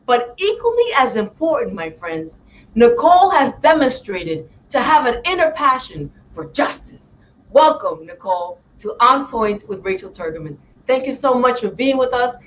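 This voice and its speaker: A woman's voice: high-pitched, dull audio, a little hiss or hum. A woman hosting a talk show interview, effusive and full of praise, often addressing her audience as friends. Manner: effusive, repeats "my friends" and "wow".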